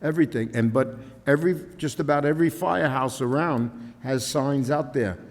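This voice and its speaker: Board member rambling on, medium voice, echo of a big hall. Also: male voice, mid-range voice, moderate pace. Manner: rambling, stacks examples. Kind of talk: public meeting remarks. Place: public meeting room. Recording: long reverb of a meeting hall.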